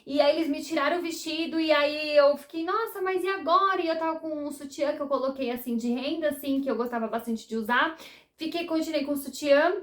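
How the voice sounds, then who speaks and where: A young Brazilian woman with a Brazilian Portuguese accent, telling her viewers a personal story in a chatty, animated way. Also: sits high, fairly quick. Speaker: vlogger.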